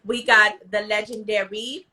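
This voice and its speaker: A woman's voice: mid-range voice, level tone, unhurried, pushed and bright. An American woman hosting a casual live interview with slangy, effusive hype. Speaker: host.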